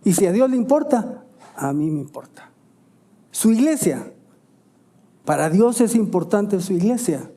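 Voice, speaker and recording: A male pastor preaching a sermon, asking emphatic questions and answering them quietly, often adding "¿verdad?". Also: high voice, very animated, unhurried, long pauses. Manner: stops to self-correct and ask "¿verdad?".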